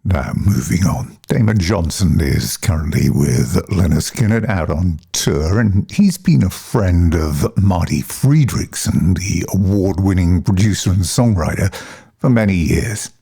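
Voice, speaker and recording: A man hosting a rock podcast, asking questions and reading the show links in a measured way. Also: low voice, expressive, gravelly, mellow, slightly rough. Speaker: podcast host.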